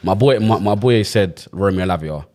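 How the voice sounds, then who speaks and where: A man's voice: lowish voice, moderate pace, a little mellow. A young man with a London accent, hosting casual podcast banter in roadman slang. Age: young adult.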